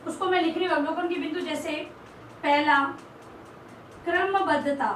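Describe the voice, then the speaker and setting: A young woman in her twenties, a teacher trainee, giving a slow classroom lecture and repeating key terms as she writes them on the board. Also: extremely high pitch, fairly even intonation. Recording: echoey room, far from the mic, faint hiss.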